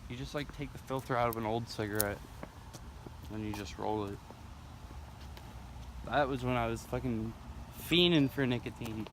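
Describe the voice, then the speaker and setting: Swapping stories with friends, this teen or young adult American man talks in a mid-range voice at a moderate pace, pausing often, and his language is full of slang and profanity. Clear background noise fills the noisy, amateur recording.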